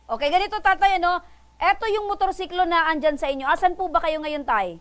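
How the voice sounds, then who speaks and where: Brisk high-voiced woman radio host. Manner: brisk, probing, teasing. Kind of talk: radio call-in mediation.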